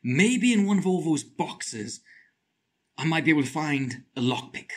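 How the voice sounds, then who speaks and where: A husky, slightly high-voiced man with a faint lisp talks through a game as its host. His pitch leaps around as he mutters, curses and squeals with delight or panic. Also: measured pace. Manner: excitable, shrieks and mutters to himself. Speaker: gaming channel host. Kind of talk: let's play commentary.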